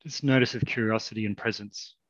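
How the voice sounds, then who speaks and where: A man leading a guided meditation in a slow, soft, calm way with long pauses. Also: on the low side, no room sound, dull audio.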